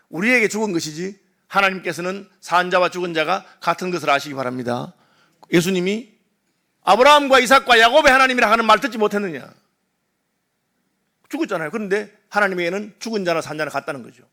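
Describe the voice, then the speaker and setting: A man preaching a Sunday sermon as pastor, telling a Bible story and out the wailing crowd in lively voices. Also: high voice. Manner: animated storytelling, acting out crowd and mourners. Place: church sanctuary.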